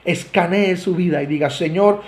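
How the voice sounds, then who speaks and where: High-voiced Costa Rican pastor preaching. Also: male voice, normal speed. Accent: Costa Rican Spanish. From Costa Rica. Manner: earnest preaching, rising and falling emphasis, direct address to the congregation. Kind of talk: sermon.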